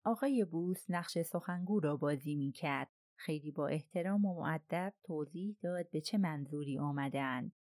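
A woman narrating a crime novel in an audiobook with steady, even delivery. Her voice is on the low side, recorded dry and close with no room sound. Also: no room sound.

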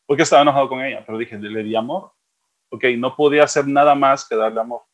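A man's voice: mid-range voice, steady tone, fast talker. Middle-aged man telling stories in a chat. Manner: storytelling, repeats words for emphasis. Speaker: co-host. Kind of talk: casual chat.

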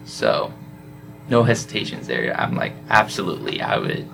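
As an interview guest, a young man from South Korea describes his study abroad semester in a laid-back way, filling gaps with "like." His bass voice is creaky and moves at a moderate pace, with music in the background.

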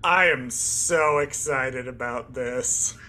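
Slow-talking, bright-voiced man player. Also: mid-range voice.

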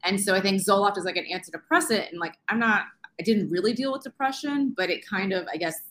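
Bright, chatty woman in her thirties. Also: mid-range voice, fast. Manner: chatty, uses "like" constantly, earnest. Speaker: guest, science teacher. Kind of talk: candid interview talk.

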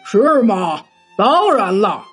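A woman voicing a huge, short-tempered male bear in a children's story, gruff and scolding. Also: mid-range voice, sing-song, slow, fairly bright tone, faint music behind, pitched below the performer's own voice, exaggerated voice. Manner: gruff, scolding, barking orders.

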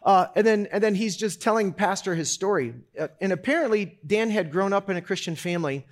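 A man in his fifties preaching a sermon and telling a story. He talks in halting bursts with many restarts, going quiet and low for sad parts. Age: 50s. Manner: halting, repeats words, drops low and quiet for sad moments; loud and animated when joking. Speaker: pastor.

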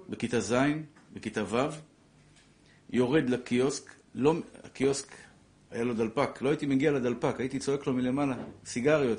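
A middle-aged man teaching a religious lesson, telling stories with feeling and acting out the quotes. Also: mid-range voice. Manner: animated storyteller, acts out quotes, grows emotional. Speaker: rabbi teaching a Torah class. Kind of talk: emotional religious lesson with storytelling.

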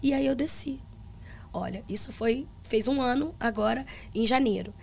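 Woman pastor, Brazilian accent, gravelly fry, fairly high voice, earnest storytelling. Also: moderate pace, a little mellow, a little hiss or hum. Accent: Brazilian Portuguese. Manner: earnest storytelling, acting out remembered dialogue. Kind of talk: personal testimony in conversation.

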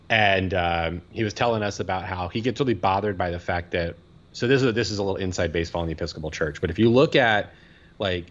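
A man's voice: low-pitched, dull audio. A man co-hosting a podcast, a priest talking casually and rambling with many fillers and restarts.

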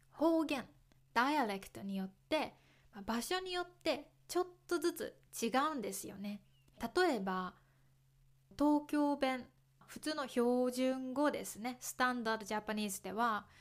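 A woman from Kyoto hosting a podcast for Japanese learners, speaking slowly and clearly, explaining gently and repeating examples. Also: fairly high pitch. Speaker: podcast host teaching Japanese. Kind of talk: slow, clear talk for learners.

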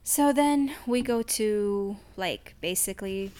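A woman's voice: medium pitch, slow, mellow. A woman co-hosts a casual literary discussion in a mid-range voice. She speaks emphatically and candidly, like someone who swears freely, in an informal podcast style. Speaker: podcast co-host.

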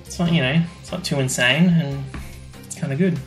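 Slightly high and a little fast, this podcast co-host's bright-ish voice carries a fan's eagerness as he explains things in relaxed conversation. Soft music sits behind him in an echoey room.

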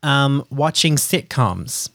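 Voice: mid-range voice, slow, no echo. Australian speaker, dry close sound. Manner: chatty, animated storyteller. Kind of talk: casual chat.

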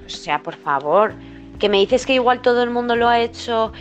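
A teenage girl from talks in casual, slangy chat. She sounds indignant and argues her point, in a fairly high voice. Faint music plays behind her. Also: expressive, highs cut off. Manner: indignant, quick colloquial slang. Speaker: student.

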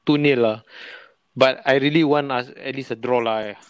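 A man's voice: medium pitch, steady tone, normal speed, clear, resonant tone, no room sound. A man with a Singaporean accent chatting casually about football in clipped colloquial phrases full of local particles. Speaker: football panelist. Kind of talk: casual sports chat.

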